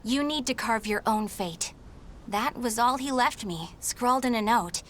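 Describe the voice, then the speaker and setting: A woman voices a feisty, stubborn young warrior who is both protagonist and narrator of a video game story, delivering reflective narration with spirited defiance. Her voice is on the high side, unhurried and a bit bright. Slight background noise is present.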